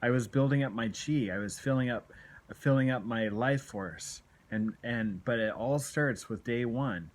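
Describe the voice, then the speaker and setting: A self-help video blogger in his late forties talks to camera from a small room at home, holding his phone at arm's length. His mid-range voice moves at a measured pace as he speaks candidly and earnestly, exhorting and confessing, often repeating points for emphasis.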